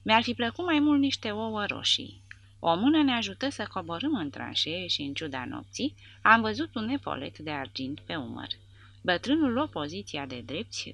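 A woman narrating an audiobook in a measured, even reading. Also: deep voice, vocal fry, no echo, highs cut off.

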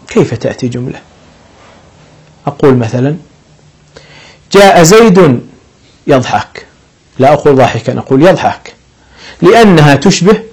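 A man's voice: on the high side, darkish tone, slightly rough, poor audio. A man teaching an Arabic grammar lesson, explaining patiently step by step and lifting his voice on each example sentence.

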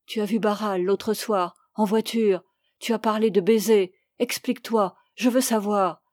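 A woman's voice: mid-range voice, fairly even intonation, a little slow, darkish tone, no echo, clean studio sound, lightly acted. A woman reading an audiobook, voicing a tormented young man who is jealous and accusing. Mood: bitter. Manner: bitter, accusing.

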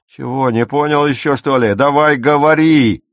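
A man shouting as a furious teenage boy brawler. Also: mid-range voice, steady tone, normal speed, no room sound, pitched above the performer's own voice, lightly acted. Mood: taunting. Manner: yelling, taunting.

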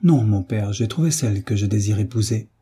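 A man's voice: fairly low pitch, lively intonation, a little fast, mellow, husky. A man doing Philippe, an earnest young son. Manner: earnest and pleading. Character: young nobleman son, earnest, devoted, resolute.

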